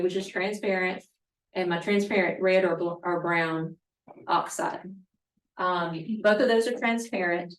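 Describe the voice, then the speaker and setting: A woman with a Mississippi Southern accent giving a chatty, informal demonstration talk as a teacher. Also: fairly low pitch. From Mississippi, United States. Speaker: painting teacher, guest presenter. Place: meeting room with audience. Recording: echoey room, distant mic.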